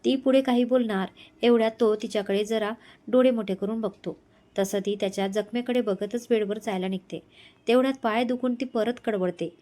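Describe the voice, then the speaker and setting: A woman storyteller narrating a romantic storybook in a steady, expressive way. Her voice sits a little high. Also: moderate pace.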